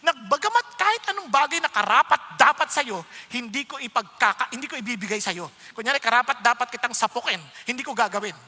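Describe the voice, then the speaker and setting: A man with a Filipino accent preaching a sermon, shifting between quiet asides and emphatic lines. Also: extremely high pitch, lively intonation, fast, few pauses, long reverb tail. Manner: mixes Tagalog and English, swings between quiet and emphatic.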